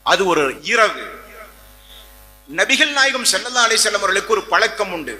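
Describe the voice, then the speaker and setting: A man's voice: high voice, very animated, moderate pace, sharp tone, soft background music. A man from Tamil Nadu preaching a sermon with passion, repeating phrases and asking rhetorical questions. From Tamil Nadu, India. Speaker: Islamic preacher. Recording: long hall reverb.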